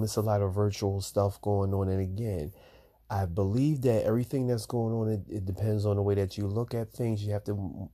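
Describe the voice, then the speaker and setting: A middle-aged man hosts his own podcast in an easygoing, rambling way, circling back and repeating his points. His voice sits a little low. He fills the gaps between songs with loose, unhurried talk full of fillers. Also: dark tone. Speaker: podcast host.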